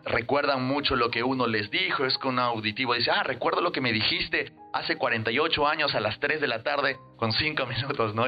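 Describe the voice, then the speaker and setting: A man hosts an educational podcast at a middle pitch and explains ideas in a lively way, acting out short example voices as he goes. The sound is slightly dull, and faint music plays underneath. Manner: lively teacher, acts out quick example voices and asks "¿no?" often. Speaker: NLP trainer and podcast host.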